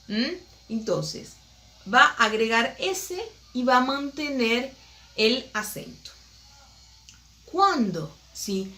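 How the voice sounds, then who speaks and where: A woman teaching a language lesson, speaking slowly and deliberately and checking in with "¿sí?" after each point. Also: fairly high pitch, a bit bright. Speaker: Spanish teacher.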